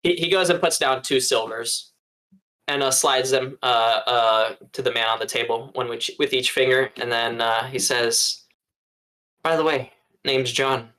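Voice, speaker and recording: A man role-plays casually as a tabletop game player. His voice is mid-pitched, with a sharp, bright edge. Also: fairly even intonation, normal speed, low-quality recording. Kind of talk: casual improvised role-play chat.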